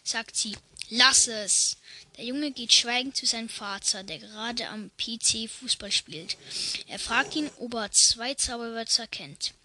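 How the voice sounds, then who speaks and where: Host: high, bright woman telling jokes slowly, giggly, casual slang, dry sound. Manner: giggly, laughs at her own jokes. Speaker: channel host.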